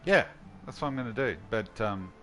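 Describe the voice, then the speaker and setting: A man's voice: medium pitch, animated, normal speed, pushed and bright, faint music behind. A man hosting casual gameplay commentary, musing and thinking aloud as he plays. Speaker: host.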